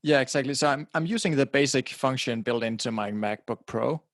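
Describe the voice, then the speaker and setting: A middle-aged Danish man, a non-native English speaker whose first language is Danish, chats casually as a podcast guest; he's a website publisher. His mid-range voice runs a little fast, he often repeats words as he restarts phrases and laughs now and then. He speaks close into a directional podcasting mic, with no echo.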